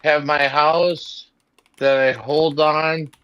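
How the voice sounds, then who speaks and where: A man's voice: a little high, little pitch movement, very slow, fairly bright tone, smooth, no echo, highs cut off. A man in his forties, host of a casual group chat, who talks emphatically, repeats himself and swears freely. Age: 40s. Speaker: livestream host.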